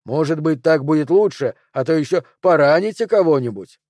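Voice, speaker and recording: Casting note: courteous, soft-spoken man, slightly raised voice, read by a male narrator. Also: on the high side, animated, brisk, no room sound, clean studio sound, natural voice. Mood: polite. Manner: gentle, courteous. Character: calm polite Elvis impersonator man.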